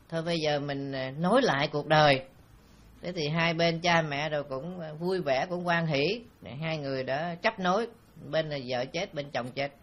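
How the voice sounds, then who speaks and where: In this dharma talk, a male Buddhist monk speaking with a Southern Vietnamese accent recounts a story, his pitch on the high side. He keeps things loose and anecdotal, dropping in filler sounds often.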